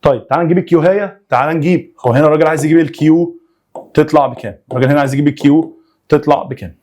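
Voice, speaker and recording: Fast, coaxing Egyptian man teaching physics. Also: on the high side, a little mellow. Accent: Egyptian Arabic. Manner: fast, coaxing and jokey, prods students to work along. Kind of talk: recorded online lecture, solving homework problems.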